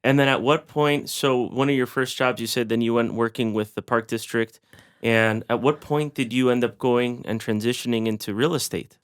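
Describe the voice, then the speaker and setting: A man's voice: medium pitch, steady tone, moderate pace, clean tone. A man hosting a podcast, upbeat and encouraging as he introduces and questions his guest. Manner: upbeat, encouraging, many fillers. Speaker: podcast host and real estate broker.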